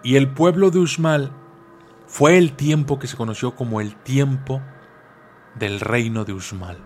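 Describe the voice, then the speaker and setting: A man's voice: medium pitch, unhurried, a little hiss or hum. A man telling a folk legend casually, with slang asides and repeated words. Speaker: storyteller. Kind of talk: casual oral storytelling.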